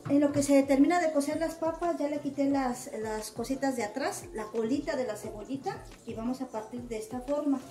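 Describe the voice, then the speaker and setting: A woman with a high-sitting, mellow voice speaks a little fast with few pauses over soft background music. She's a home cook with a Mexican Spanish accent giving a casual, step-by-step recipe voice-over, homely and rich in diminutives, recorded in a roomy, echoey home.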